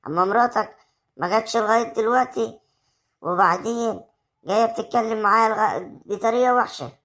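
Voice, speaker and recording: A woman with an Egyptian accent, brisk and fairly bright in tone, acts out a domineering village mother in an amateur web drama. She scolds her son's wife in a shrill, confrontational way.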